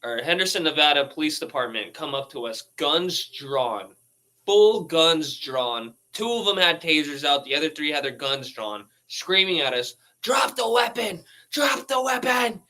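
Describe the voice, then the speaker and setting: A laid-back man riffing on news headlines in a rambling, casual way. His voice is bright and forward, and he swears freely and laughs between his asides. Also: a little high, expressive, normal speed, rough recording. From United States. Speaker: streamer reading news posts.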